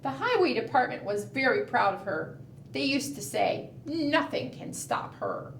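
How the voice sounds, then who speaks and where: Very animated and unhurried, a woman with a slightly high voice runs a preschool storytime of read-aloud and fingerplay, lilting in a sing-song way and putting frequent questions to the kids. The recording is roomy and far from the mic, with faint background noise.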